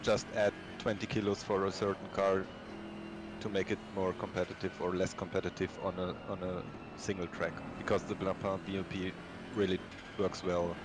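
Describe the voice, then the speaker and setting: A man's voice: sits low, flat delivery, normal speed. A man chatting casually as a teammate during a sim race. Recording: clear engine noise behind voice. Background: racing car sounds.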